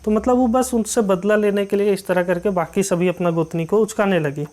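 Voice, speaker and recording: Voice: medium pitch, a little mellow. Teacher talking through a folk tale. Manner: reads dialect lines slowly, then explains them in plain words with many fillers. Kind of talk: explaining a folk tale for exam prep.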